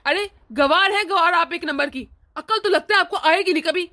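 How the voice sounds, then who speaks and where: A woman's voice: very high voice, fairly quick, bright, forceful tone. A woman voicing a rude scornful young husband. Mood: scolding. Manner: scolding, sneering. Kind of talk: cartoon voice acting.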